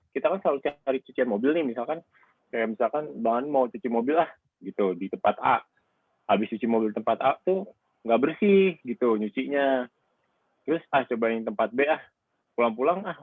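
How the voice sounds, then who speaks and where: A man's voice: medium pitch, expressive, a little fast, slightly rough, no echo. A man who owns a car wash, chatting casually in an interview over a call and rambling with plenty of fillers. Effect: heard over a phone line. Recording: narrow tinny phone-like sound, dry.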